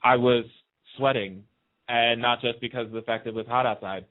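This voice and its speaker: Over a phone-quality line, a man with a medium-pitched, steady voice talks at a moderate pace as a guest on the radio. He is a radio host himself, casually telling stories and repeating phrases to stress his points.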